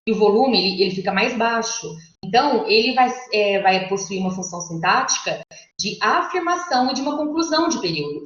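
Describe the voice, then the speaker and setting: A woman's voice: mid-range voice, expressive, brisk, fairly bright tone. Woman lecturing over an echoey call. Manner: explanatory, checks in with "né?" and "certo?". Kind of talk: academic lecture. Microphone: video call. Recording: echoey, muffled online call audio.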